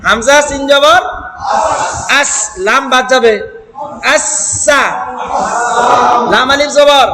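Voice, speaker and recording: High-voiced man drilling Quran syllables. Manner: drills syllables slowly, asks students to repeat. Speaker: Quran teacher. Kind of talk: classroom recitation lesson. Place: classroom with group of students. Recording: echoey hall with class noise. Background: students repeating aloud.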